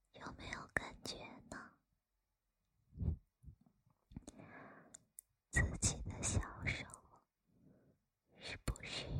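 Woman acting a teasing older sister, breathy whispered role-play right in your ear. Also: mid-range voice, a little mellow, no room sound. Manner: slow, intimate whispering right in the listener's ear. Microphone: close microphone, dry.

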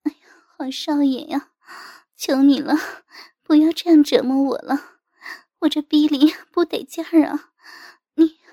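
A woman's voice: high voice, a little slow, dark tone, no room sound, clean studio sound. A woman doing a coy, cooing young woman. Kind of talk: storybook character voice.

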